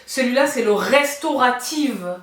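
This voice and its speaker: A woman's voice: a little high, expressive, a little slow, roomy sound, far from the mic. A woman beauty vlogger chatting casually and effusively while reviewing skincare products, laughing often.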